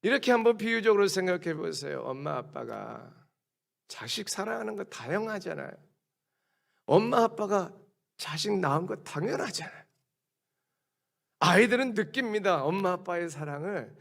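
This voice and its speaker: Gravelly, emphatic Korean pastor preaching. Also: male voice, sits high, lively intonation. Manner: emphatic, builds to forceful declarations, reads scripture slowly. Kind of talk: sermon.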